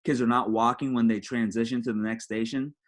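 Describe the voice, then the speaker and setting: A man who coaches high school football gives a conversational clinic presentation to fellow coaches, frequently checking in with "right?" and repeating "again." He talks briskly with little pitch movement.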